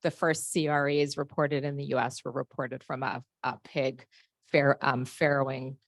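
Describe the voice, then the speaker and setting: Woman, seminar moderator, low voice, dry sound, apologetic manner. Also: little pitch movement, moderate pace, no echo. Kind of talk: moderating questions.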